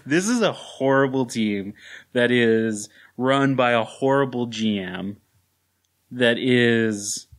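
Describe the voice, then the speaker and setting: A man's voice: medium pitch, slow pace. Blunt, joking male podcast co-host. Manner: blunt and sarcastic, laughs often. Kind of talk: casual sports chat.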